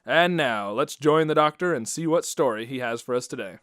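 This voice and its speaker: A man's voice: medium pitch, animated, a little fast, background noise. A man hosting a scripted radio drama, presenting and asking questions in a polished, theatrical way. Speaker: announcer and host of the show.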